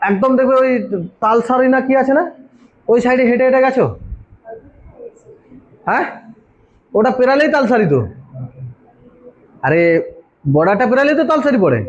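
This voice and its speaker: Man, very high voice, coaching teacher, quizzing students, self-answering, dull lo-fi sound. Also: expressive, moderate pace, long pauses. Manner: quizzes students constantly, answers his own questions. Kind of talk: informal classroom lecture. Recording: dull lo-fi recording.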